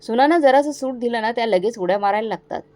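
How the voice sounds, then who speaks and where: A woman's voice: a little high, quick pace, darkish tone, natural voice. A woman voicing a harsh, scolding mother-in-law in a storybook tale, with a bossy, taunting manner. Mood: scornful.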